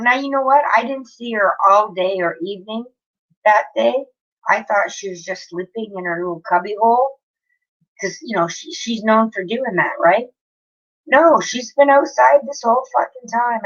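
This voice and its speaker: A woman's voice: fairly high pitch, highs cut off. A woman, livestreaming from home and telling a long story in a casual, chatty way with frequent swearing. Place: home, near an open window.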